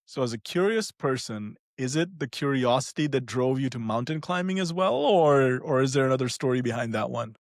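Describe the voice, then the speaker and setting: Host: man with lively, varied intonation, dry close sound. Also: mid-range voice, a little fast, hardly any pauses, no echo. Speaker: podcast host. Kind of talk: interview questions.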